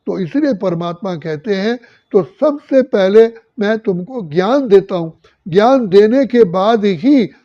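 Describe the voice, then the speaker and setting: An older man, a spiritual teacher, giving a measured discourse that lists virtues one by one. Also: high-pitched, mellow. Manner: slow measured listing of virtues. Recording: dull lo-fi recording.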